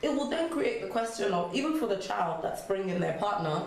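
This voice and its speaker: A young adult woman, a guest on a casual panel discussion, speaks fairly quickly and with lots of animation, acting out quotes to illustrate her points. Her voice sits at a medium pitch with some vocal fry. The room is very echoey, with faint background noise.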